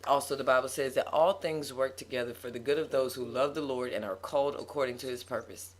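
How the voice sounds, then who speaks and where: Animated woman preaching in casual chat. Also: rumbling low, quick pace. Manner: animated, preachy emphasis, laughs often. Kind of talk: casual faith talk.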